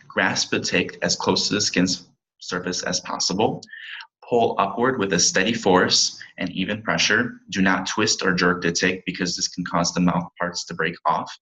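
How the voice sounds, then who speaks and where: A man's voice: low-pitched, bright, forceful tone, rough recording. A young man in his twenties, a pharmacy student, giving a recorded slide presentation and reading from his slides with small slips and restarts.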